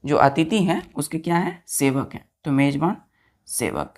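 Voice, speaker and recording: With a low, animated and slightly mellow voice, a woman teaches grammar at a moderate pace. She spells words out letter by letter, repeats each answer, and keeps checking that her students understand.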